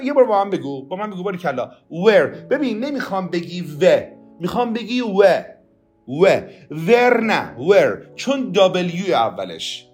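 Man, high voice, English teacher, podcast lesson, slow repeat-after-me drills, soft guitar behind.

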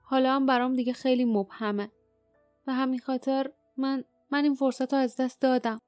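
A woman's voice: high-pitched, flat delivery, a little mellow, dry recording, clean studio sound, faint music behind, voice pushed up, close to an everyday voice. A woman reading a tough, sorrowful wild young girl in an audiobook, speaking bluntly and clipped.

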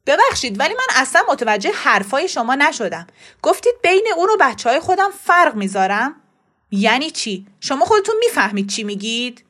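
A woman reads the part of a middle-aged father who bristles at every remark, heated and defensive, his voice climbing louder. The voice sits high and bright for a man. It is a storybook reading, not a radio play. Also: big pitch swings. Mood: angry.

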